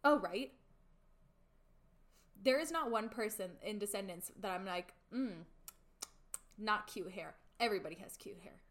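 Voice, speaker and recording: A woman's voice: medium pitch, moderate pace, long pauses. A woman co-hosting an entertainment news podcast, switching between reading promotional copy and casual reactions. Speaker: podcast co-host.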